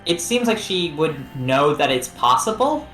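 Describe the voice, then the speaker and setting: A woman co-hosting a game playthrough in casual chat, with vocal fry. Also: low voice, sing-song, measured pace, fairly bright tone, echoey room, soft background music. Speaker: let's play co-host.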